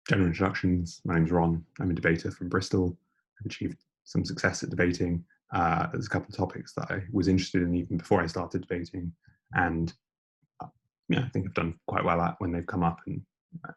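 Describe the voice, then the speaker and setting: Young man, low voice, heavy vocal fry, hushed near-whisper, breathy, informal debating lecture. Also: flat delivery, fairly quick. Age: young adult. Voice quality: breathy, as if losing his voice. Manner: hushed, near-whisper, trying to talk as quietly as possible.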